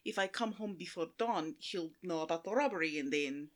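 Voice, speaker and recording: Radio play: woman as a dramatic Russian countess, breathy and drawling. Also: on the low side, brisk, a crowd in the background, close to an everyday voice. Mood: airy, flirtatious. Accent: put-on Russian. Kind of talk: comic old-time radio play acting.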